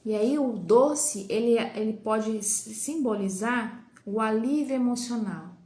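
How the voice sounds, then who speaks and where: A woman's voice: fairly high pitch, takes it slowly, darkish tone. A woman with a Brazilian Portuguese accent hosting a live talk, chatting with viewers and asking many rhetorical questions. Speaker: host of a live talk on child development. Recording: roomy echo.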